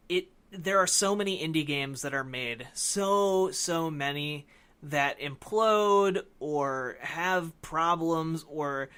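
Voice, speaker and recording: A man co-hosting a podcast chats casually about films, often halting to correct himself mid-thought. His voice is on the high side, pushed and bright.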